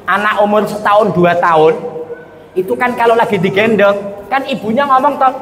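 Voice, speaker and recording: A man's voice: sits high, normal speed, fairly bright tone. A man preaching a humorous sermon to a crowd, joking playfully and often asking the listeners to agree. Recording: echoey reverberant sound with faint ambience.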